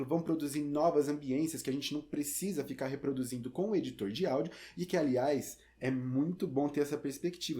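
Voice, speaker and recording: A Brazilian-accented man with a slightly high, dark voice carrying a breathy edge walks the listener through a tutorial step by step. He presents theatre and audio tutorials and talks in a loose, chatty way, addressing the listener directly.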